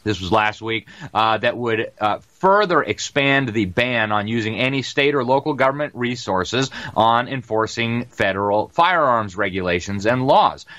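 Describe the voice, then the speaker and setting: A man hosting a talk show, delivering rapid, emphatic news commentary and ad reads with many "uh" fillers, calling his listeners "folks.". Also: medium pitch, lively intonation, sharp tone, no room sound, dull audio. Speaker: show host. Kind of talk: fast-talking news commentary and ad read.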